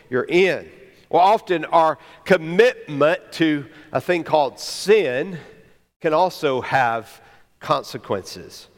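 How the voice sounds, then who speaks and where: A middle-aged man preaching a sermon, conversational and animated, full of rhetorical questions. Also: fairly high pitch, long reverb tail. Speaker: pastor.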